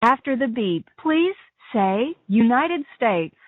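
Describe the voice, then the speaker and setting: A recorded woman's voice reads payphone call instructions in a formal, measured way. Her pitch rises and falls a lot and sits a touch high. It comes through a dry, tinny phone line. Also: sing-song, no room sound. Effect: automated jail payphone call prompt over a phone line. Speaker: automated phone system prompt. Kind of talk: recorded announcement.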